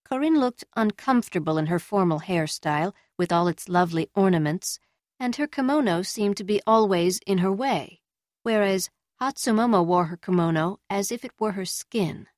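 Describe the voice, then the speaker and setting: A woman reading a novel aloud in steady, measured scripted narration. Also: mid-range voice, no echo, studio quality. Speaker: audiobook reader.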